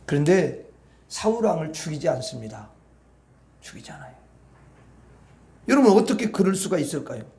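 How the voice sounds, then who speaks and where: A man preaching a sermon with a high-pitched voice. He talks conversationally and keeps turning to the congregation for agreement. The sound echoes around a church sanctuary. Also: big pitch swings, normal speed, long pauses, dark tone. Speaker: pastor.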